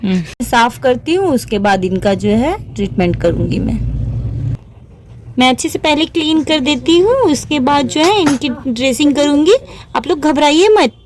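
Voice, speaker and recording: A woman doing a brisk lady doctor doll. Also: high-pitched, animated, a little mellow, slight background noise. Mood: instructing. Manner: brisk, instructing, matter-of-fact. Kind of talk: homemade doll story play.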